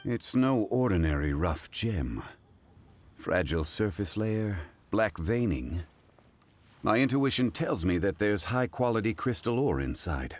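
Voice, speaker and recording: An actor playing a calm, erudite gentleman connoisseur in a video game, speaking in a measured, refined, formal way. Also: fairly low pitch, slight background noise. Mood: calm, assured.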